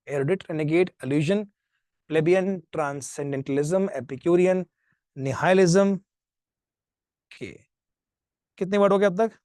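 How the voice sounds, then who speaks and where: Slow, high-voiced teacher dictating words. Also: male voice, darkish tone, no echo. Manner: slow, repeats each word, mixes Hindi and English. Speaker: vocabulary teacher. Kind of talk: live online class, dictating words.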